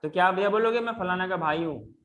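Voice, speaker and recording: Male teacher, high pitch, lecturing; frequent comprehension checks, drops into slow halting English. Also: a bit bright, muffled recording. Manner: keeps checking if students follow; slows down in halting English phrases. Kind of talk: classroom lecture.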